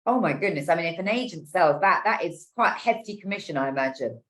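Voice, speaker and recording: A woman's voice: lowish voice, expressive, brisk, fairly bright tone. A woman from the UK interviewing a cruise executive for a trade publication, chatty and encouraging.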